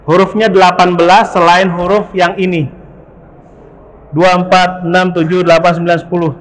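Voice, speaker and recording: A man's voice: sits high, flat delivery, normal speed. A man teaching a tajweed class at a mosque, patiently drilling syllables for his students to repeat. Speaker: Quran recitation teacher. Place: large mosque hall. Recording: echoey hall, faint background noise.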